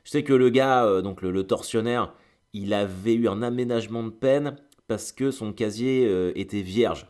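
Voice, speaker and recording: A man with a deep, low voice tells a rambling everyday anecdote in a relaxed, chatty way. He wanders off on tangents, piles up little fillers, and slips into quick bits of acted dialogue. He sounds like a regular host talking straight to his audience. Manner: chatty, digressive, full of fillers and acted quotes. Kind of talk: casual storytelling monologue.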